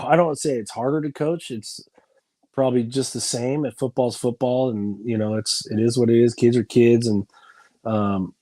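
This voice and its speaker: A man's voice: mid-range voice, dark tone, dry recording. A man in his forties, a football coach, talking in a rambling, frank, folksy way in a casual reunion chat.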